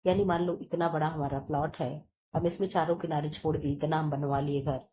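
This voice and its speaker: A woman's voice: sits low, steady tone, brisk, background noise. A woman teacher going through exam questions, reading out each option and then answering it herself. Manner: reads options aloud and answers them herself. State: coughing, chest sore. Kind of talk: exam-prep lesson.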